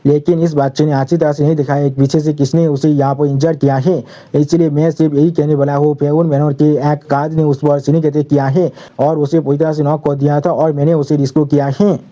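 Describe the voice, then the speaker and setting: Male narrator voicing an arrogant young genius of a clan, boastful. Flat, dark read. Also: a little high, fairly quick, lightly acted. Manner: boastful and defiant.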